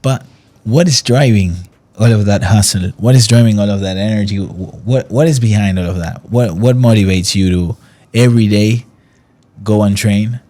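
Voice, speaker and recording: A man's voice: on the low side, normal speed, warm tone. A man hosting an interview, encouraging and conversational, often rephrasing his questions. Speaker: interviewer, host.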